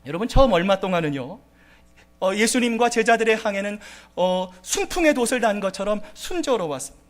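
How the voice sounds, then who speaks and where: A man's voice: high voice, expressive, brisk. A man preaching as pastor in a church, speaking dramatically, often calling out to the congregation and acting out pleading voices. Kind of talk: sermon.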